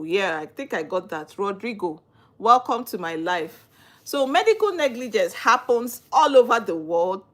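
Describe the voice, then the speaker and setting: Speaking in a mid-range, slightly bright voice, this young adult woman from Nigeria runs a legal-topics livestream. She responds to viewer comments in her Nigerian accent, welcoming viewers by name and asking sincere rhetorical questions.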